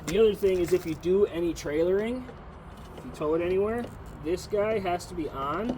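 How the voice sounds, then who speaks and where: A man's voice: high voice, fairly quick, mellow. A man giving a practical, step-by-step outdoor walkthrough of an RV's systems. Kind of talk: casual instructional walkthrough. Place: outdoors beside an RV. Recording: outdoor recording with clear background noise.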